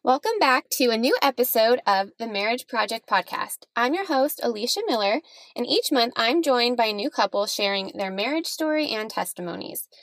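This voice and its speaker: A woman's voice: a little high, animated, moderate pace, a bit bright, no echo. A woman hosting a podcast, chatting casually with guests and laughing easily. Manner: friendly, laughing, chatty with restarts. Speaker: podcast host. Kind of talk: casual interview chat.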